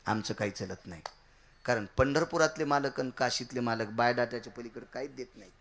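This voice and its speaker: A man preaching a devotional kirtan sermon, swinging from shouted high outbursts to low quiet asides. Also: fairly quick, slight background noise.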